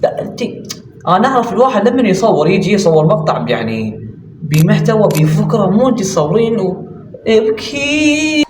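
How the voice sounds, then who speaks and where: A man's voice: high-pitched, very animated, darkish tone, slight background noise. A man with an Iraqi accent giving mocking, sarcastic reaction commentary. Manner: mocking, sarcastic, rapid-fire ranting. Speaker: commentary YouTuber. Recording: roomy, distant mic, music behind.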